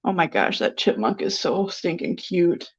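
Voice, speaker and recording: A woman's voice: lowish voice, lively intonation, measured pace, breathy edge. A sniffly woman painter chatting casually on a live stream, rambling and giggly with lots of filler words. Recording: dull lo-fi stream audio.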